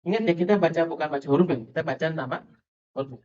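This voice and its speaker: A man's voice: a little high, darkish tone. Man teaching Quran letter reading. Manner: asks the class questions, spells out letter names slowly. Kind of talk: teacher training lecture on tajwid. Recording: dull lo-fi lecture recording.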